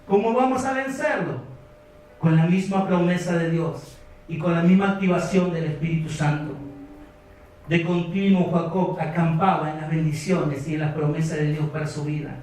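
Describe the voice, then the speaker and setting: A man's voice: a little high, moderate pace, darkish tone, a little hiss or hum. A man with a Rioplatense Spanish accent preaching a sermon as pastor, retelling a story and exhorting his congregation. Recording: echoey hall, distant mic.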